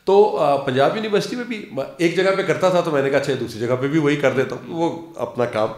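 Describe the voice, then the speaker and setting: A man in his fifties, an actor and lecturer, telling stories as an interview guest and acting out quoted dialogue. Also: on the high side. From Pakistan. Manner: animated storyteller who acts out quoted dialogue. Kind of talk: casual interview storytelling. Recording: roomy studio echo.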